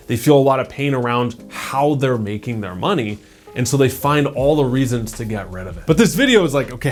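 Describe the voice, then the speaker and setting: A man in his thirties giving a casual, conversational motivational talk as a self-improvement YouTuber, peppering his speech with "like" and "right?". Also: medium pitch.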